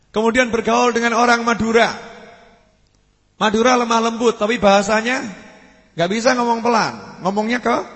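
A man giving an Islamic study sermon. He repeats and stretches key words, and his phrases often trail off low. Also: fairly bright tone. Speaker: preacher. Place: mosque study hall. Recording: long hall reverb.

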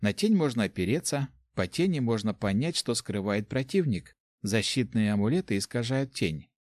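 Soft young heroine of a fantasy audiobook, calm and explaining, as a male narrator reads her in a slightly raised voice. Dry, close sound. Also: mid-range voice, normal speed, dry recording, close to an everyday voice. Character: young woman, gentle apprentice assassin.

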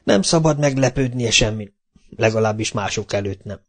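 A man reading a children's storybook aloud in a lively, expressive narration. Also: lowish voice. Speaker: audiobook reader.

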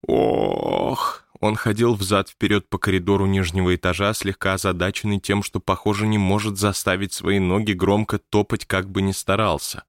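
A man with a gravelly voice giving measured, even scripted audiobook narration. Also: low voice, no echo, clean studio sound.

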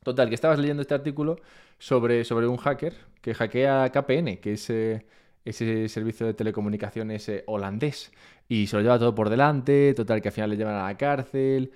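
A man's voice: mid-range voice, normal speed, smooth. A man from Spain with a Spain Spanish accent, chatting casually and rambling to his live-stream chat from home. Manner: relaxed, rambling, self-mocking.

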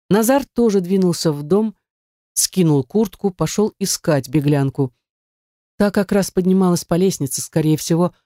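An audiobook narrator reading a novel in measured, expressive scripted narration. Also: mid-range voice, no room sound, clean studio sound.

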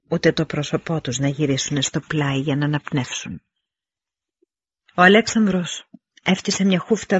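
A man narrating an audiobook in a measured, deliberate reading with dramatic pauses. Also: a little high, breathy edge, no room sound, lo-fi sound.

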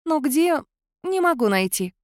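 A woman voicing a blunt, calm female cat-mouse guardian spirit in an audiobook, with an offhand, bossy manner. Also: high-pitched, unhurried, no echo, clean studio sound, pitched above the performer's own voice. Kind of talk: audiobook character voice.

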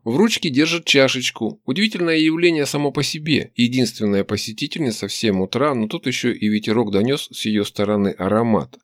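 A man reading a first-person story aloud in a wry, expressive way. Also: medium pitch, a little fast, hardly any pauses, no room sound, clean studio sound. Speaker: audiobook narrator. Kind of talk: first-person audiobook narration.

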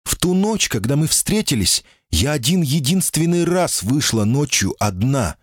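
A man's voice: medium pitch, very animated, unhurried, dry recording, clean studio sound, voice pushed up. A man voicing a timid, guarded female golem in human shape, anxious and pleading, in an audiobook reading. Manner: anxious, pleading, often cries out.

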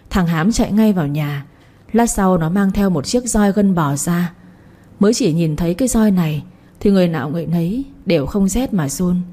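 A woman narrating a novel as an audiobook in steady storytelling. Her voice is mellow and warm with a soft, husky edge. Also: on the low side.

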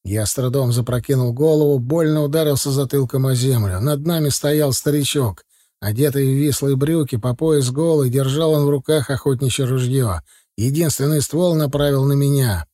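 A man narrating a first-person audiobook with steady, even storytelling. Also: medium pitch, moderate pace, no room sound, clean studio sound.

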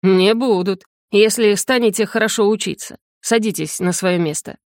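A woman's voice: medium pitch, no room sound, studio quality, close to an everyday voice. A woman doing a cold, detached male magister. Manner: flat, unhurried, curt.

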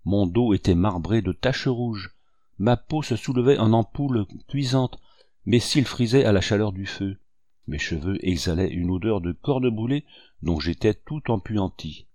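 A man with a low, dark voice reading a classic novel aloud as an audiobook. His delivery is measured and expressive, with a close, dry studio sound and no room echo. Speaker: audiobook narrator. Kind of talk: literary audiobook narration.

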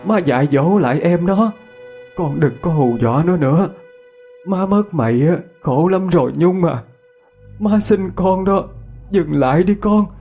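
Man voicing an older mother, grief-stricken and wailing, husky and high. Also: lively intonation, measured pace, warm tone, soft background music, heavily acted. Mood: tearful pleading. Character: older grieving mother-in-law, sobbing and pleading.

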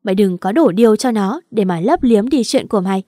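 A woman reading the part of a sharp-tongued older mother-in-law in an audio story, scolding and accusing without letup. The voice is dry and close, with no room around it. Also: lively intonation, brisk, no room sound, close to an everyday voice. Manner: shrill, accusing, quarrelsome.

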